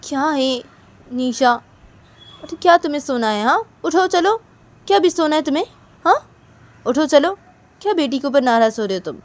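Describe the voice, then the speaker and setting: A woman voicing a worried young woman who keeps coaxing and questioning her partner in a high, raised voice. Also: lively intonation, normal speed, long pauses.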